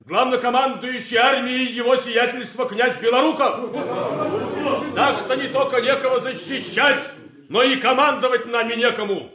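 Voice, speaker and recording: An actor playing a stern, bitterly sarcastic army colonel in a period military drama, declaiming orders deliberately with heavy pauses. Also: male voice, very high voice, fairly even intonation, crowd noise. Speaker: commanding officer. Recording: echoey hall.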